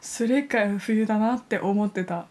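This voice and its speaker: A woman's voice: medium pitch, moderate pace, a little mellow. A young woman, a university student, co-hosting a radio-style talk show with casual chat and politely scripted greetings. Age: young adult, university student.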